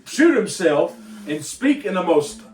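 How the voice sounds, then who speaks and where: Excitable man, exclaiming podcast co-host. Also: sits high, a little slow. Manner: animated, exclaims often, mocks bad accents. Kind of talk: casual chat. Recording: echoey room, mic at a distance.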